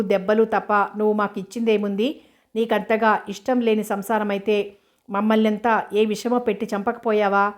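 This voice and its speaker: A woman's voice: mid-range voice, close to an everyday voice. A woman reading a novel aloud, voicing a young widowed daughter who angrily confronts her harsh father. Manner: angry, accusing outburst.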